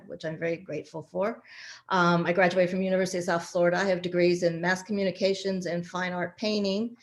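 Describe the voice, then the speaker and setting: A photographic artist introducing herself on a video call, poised and quick. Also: female voice, lowish voice. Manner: poised, rapid listing.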